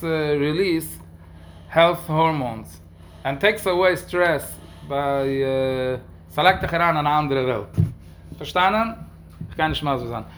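A man with a somewhat high voice leads a question-and-answer religious lesson as a rabbi. He reads each listener's question aloud, then explains the answer at length, moving between English and Yiddish phrases. A faint background hiss sits under his voice. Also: fairly bright tone.

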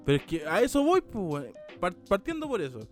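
A young Chilean man co-hosting a podcast, chatting in an excitable, slangy and profane way. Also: sits high, brisk, faint music behind. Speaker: podcast co-host. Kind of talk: casual chat.

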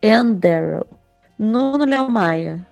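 A woman's voice: medium pitch, animated, vocal fry, a little mellow, dry recording, faint music behind. A woman playing a quiz game on a podcast, talking casually with light swearing. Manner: quick, casual, swears lightly, laughs often. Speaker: quiz contestant.

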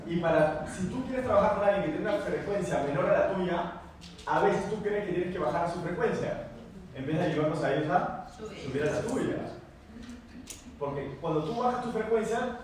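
Male motivational speaker, raised pitch, animated and repetitive, recorded far off in a roomy hall. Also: moderate pace. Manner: animated, repetitive, asks the audience questions. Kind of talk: motivational talk with anecdotes. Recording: very echoey room, mic far off, faint noise.

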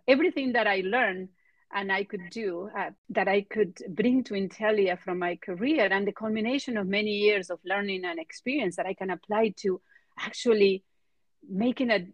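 Appearing as an interview guest, a middle-aged woman who runs a biotech company replies in a conversational, halting way, repeating words as she goes. Spanish is her native tongue and she has an Argentine accent; her voice is mid-range and the recording has no room sound.

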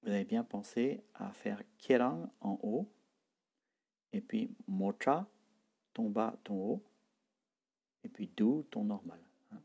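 A man's voice: fairly low pitch, lively intonation, slow, vocal fry, pauses often, warm tone, husky. A man teaching a spoken language lesson, saying words and tones one by one, repeating them, and patiently explaining how to pronounce them.

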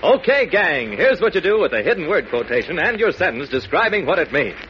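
A man's voice: fairly high pitch, big pitch swings, fairly quick. A man working as an old-time radio announcer, reading scripted program notices emphatically for young listeners. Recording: noisy muffled old radio broadcast.

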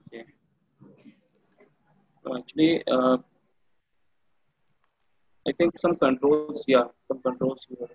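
A man with a North Indian accent, giving an informal online training presentation in a halting, polite way. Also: mid-range voice, darkish tone, husky. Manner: halting, polite, addressing participants. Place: online meeting. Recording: muffled, echoey online call audio.

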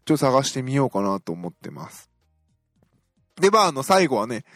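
A man's voice: mid-range voice, big pitch swings, fairly quick, fairly bright tone, dry recording, studio quality, faint music behind. A man hosting a podcast, giving a casual, chatty film review with frequent fillers and self-deprecating fan humor. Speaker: podcast host.

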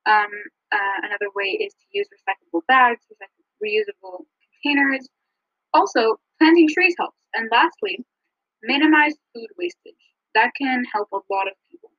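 A woman co-hosting a podcast in a casual, scripted chat with frequent ums, recorded over a low-quality phone line. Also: lively intonation, moderate pace, gravelly, dry recording. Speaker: podcast co-host. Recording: muffled dry phone-line audio.

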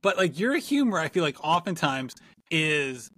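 A man's voice: a little high, sing-song, moderate pace, a bit bright, dry recording. A man co-hosting a podcast in casual chat, joking in a mock-serious way.

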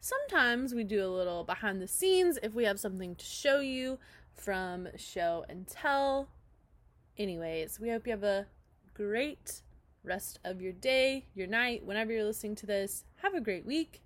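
A woman co-hosts a podcast in a chatty, upbeat way, full of fillers. Her pitch sits in the middle, and she spins an improvised story as casual chat. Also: animated, moderate pace. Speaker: podcast co-host.

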